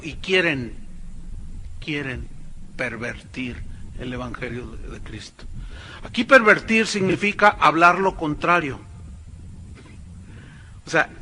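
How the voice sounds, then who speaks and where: Pastor preaching, high sharp voice, emphatic, sarcastic asides to the church. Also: male voice. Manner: emphatic, addresses congregation directly, sarcastic asides. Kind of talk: preaching a sermon.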